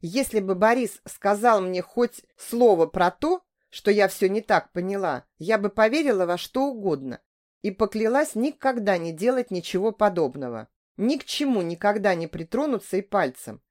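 A woman reading a first-person novel as an audiobook, with expressive, emotional delivery. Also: medium pitch, normal speed. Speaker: audiobook narrator.

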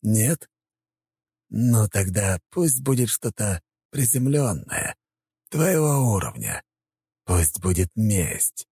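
A man's voice: on the low side, big pitch swings, takes it slowly, vocal fry, dark tone, breathy edge, no echo, voice pushed up, full character voice. A man voicing a sly, oily male puppet-master spirit that speaks through a prisoner, mocking and gloating.

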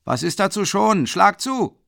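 A man voicing a young male peasant in a crowd, jeering in a shrill, high, mocking voice. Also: sing-song, moderate pace, creaky, fairly bright tone, exaggerated voice. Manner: shrill, laughing and mocking, far higher than the narration.

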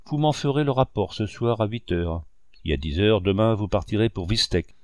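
A man's voice: on the low side, lively intonation, normal speed, dry recording, natural voice. A man voicing an older army marshal who gives terse, commanding orders, in an audiobook reading.

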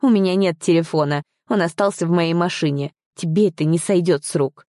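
A woman voicing a defiant, frightened young woman who snaps back in shrill outbursts. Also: fairly quick, mellow, dry recording, clean studio sound, close to an everyday voice. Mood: angry, defiant.

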